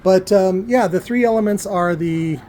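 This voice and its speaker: An electronics builder, a man with a high voice and dark tone, gives an informal technical explanation. He works through his point haltingly, often repeating words.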